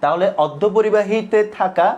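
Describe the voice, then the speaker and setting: A young man teaching an online class, speaking slowly and repeating each line so students can copy it, often asking a question and answering it himself. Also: high-pitched, darkish tone, lo-fi sound. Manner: slow dictation, repeating lines and asking then answering his own questions.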